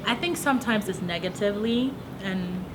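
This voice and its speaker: A twenty-five-year-old woman speaks frankly in a documentary interview, at a middle pitch. A rumble and background noise run underneath. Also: moderate pace. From born in Ghana, raised in London.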